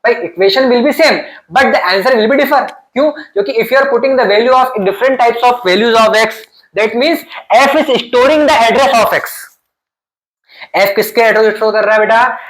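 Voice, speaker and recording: A man's voice: very high voice, slow, a bit bright, rough recording. A man with an Indian accent teaching a physics lesson online, who voices his students' questions and then answers them himself. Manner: mixes Hindi and English. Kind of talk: online lecture.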